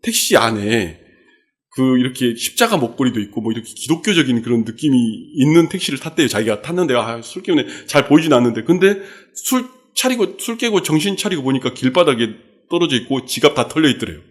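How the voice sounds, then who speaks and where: A man's voice: mid-range voice, sing-song, fast talker. Guy pastor preaching in church, tells stories, acts out quotes. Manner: storytelling, acting out quotes. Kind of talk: sermon. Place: church sanctuary.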